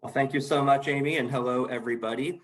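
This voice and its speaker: Male compliance trainer for a corporate webinar. Average pitch, formal and methodical, explains rules from slides. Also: steady tone, fast, poor audio.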